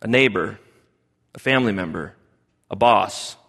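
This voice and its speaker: With a fairly low, creaky, husky voice that's a bit bright, a U.S. pastor preaches a little slowly. He talks conversationally and keeps asking the congregation questions, and a long hall reverb colors the recording.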